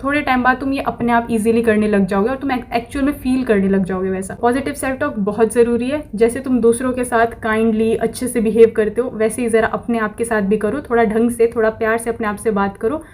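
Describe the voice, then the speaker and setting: A woman's voice: on the high side, fairly even intonation, brisk, hardly any pauses, a little mellow. A woman giving a casual motivational talk to camera, repeating phrases over and over and slipping affirmations into her speech. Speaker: self-improvement vlogger.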